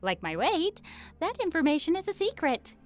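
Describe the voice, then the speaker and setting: A woman's voice: very high voice, big pitch swings, normal speed, faint music behind. A woman voicing a theatrical, mock-sweet and sadistic female hologram AI game show host in a video game. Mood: mocking, teasing.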